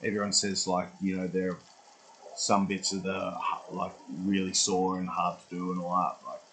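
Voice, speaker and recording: A man's voice: sits low, completely flat delivery, normal speed, fairly bright tone, a little hiss or hum, poor audio. A man in his twenties rambling through a casual vlog monologue, swearing freely and losing his track. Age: 20s. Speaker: vlogger.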